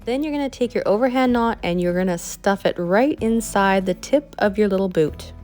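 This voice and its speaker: A woman's voice: medium pitch, a little fast, darkish tone, faint music behind. A woman with a Canadian accent, explaining a craft project step by step in a friendly, chatty way. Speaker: craft instructor. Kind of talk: tutorial voice-over.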